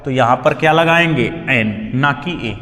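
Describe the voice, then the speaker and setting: A man's voice: mid-range voice, normal speed, fairly bright tone. A male teacher giving a grammar lesson, asking questions and answering them himself. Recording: echoey hall sound.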